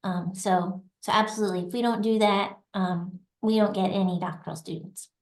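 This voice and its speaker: A middle-aged woman who is assistant dean of a graduate school answers questions as a guest in a conversational interview, laughing easily and correcting herself along the way. Her voice is medium-pitched and steady at a normal speed, in a reverberant space.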